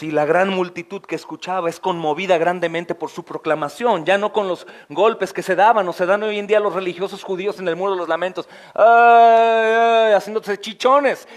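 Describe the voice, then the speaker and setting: A man over forty delivers an impassioned expository sermon from the pulpit. His voice sits high for a man and climbs higher still on emphatic questions. He keeps turning to his listeners and calling them brothers. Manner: often addresses listeners as brothers. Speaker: pastor.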